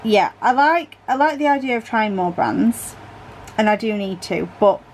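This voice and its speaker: A woman's voice: on the high side, expressive, moderate pace, slight background noise, low-quality recording. A British woman chatting casually about her diamond painting hobby as she works, rambling freely and correcting herself mid-thought with little asides. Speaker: crafting vlogger.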